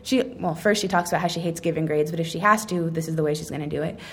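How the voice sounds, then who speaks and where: A woman's voice: sits low, fast talker, fairly bright tone. A young woman telling a casual personal story about her schooling, rambling and correcting herself with frequent ums. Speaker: speaker recounting her schooling.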